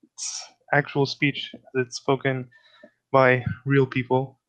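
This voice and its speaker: A man's voice: medium pitch, monotone, slow, fairly bright tone, lo-fi sound. Man, casual linguistics explainer, self-correcting, thinks aloud. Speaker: linguistics presenter.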